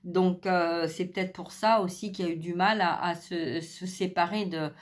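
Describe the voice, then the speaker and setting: A middle-aged woman giving a spiritual card reading, hesitant with many fillers, speaking softly because she is losing her voice. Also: fairly low pitch, fairly even intonation, moderate pace. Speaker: tarot card reader.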